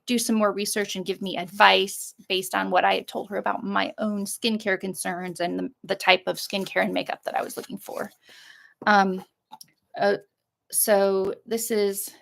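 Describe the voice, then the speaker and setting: A middle-aged woman with a creaky voice, chatting casually through an unboxing in a rambling, hesitant way. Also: medium pitch, fairly bright tone. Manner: rambling, hesitant, trailing off and circling back. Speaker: vlogger showing a shopping haul.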